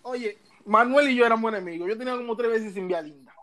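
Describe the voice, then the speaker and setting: A man, hosting a casual chat and telling an animated story, laughing and acting out the other people in it. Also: very high-pitched, quick pace, crowd noise. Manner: animated, laughing, acts out voices in his story. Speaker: podcast host.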